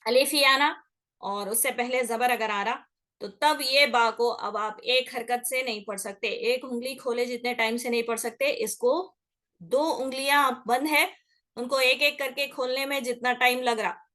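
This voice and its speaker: A woman with a steady, fairly bright voice on the high side teaches Quran recitation rules at a measured pace. The lesson is patient and explanatory, with frequent check-ins and elongated sounds for demonstration.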